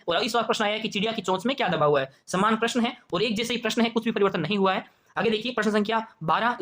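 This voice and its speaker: Rajasthani hindi guy teaching, high voice, talks fast, keeps quizzing and repeating himself. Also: fairly bright tone. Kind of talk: exam paper walkthrough lesson.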